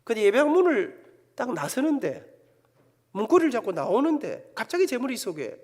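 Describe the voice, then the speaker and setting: High, animated Gyeongsang Korean preacher. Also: male voice, normal speed. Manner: emotional, dramatic storytelling with acted prayers. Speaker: church elder preaching. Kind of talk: sermon with personal testimony. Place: church sanctuary. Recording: long church hall reverb.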